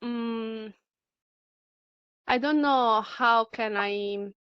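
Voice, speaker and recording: A middle-aged woman speaks English, taking her time and pausing often to search for her words. Her voice comes through smooth and clear, though the recording itself is dull and lo-fi. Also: on the high side, no echo. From Italy. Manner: halting, searching for words, many fillers. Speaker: speaker sharing personal experience. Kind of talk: personal testimony at a talk.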